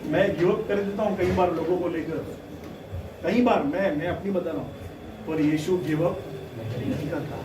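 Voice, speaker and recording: A man's voice: fairly high pitch, moderate pace, pauses often, noisy background. A man preaching a sermon, calling on the congregation to repeat words after him. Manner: preaches in bursts, cueing the crowd to repeat words. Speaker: pastor. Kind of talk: sermon with call-and-response. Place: large hall, church. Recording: echoey hall, mic far, crowd.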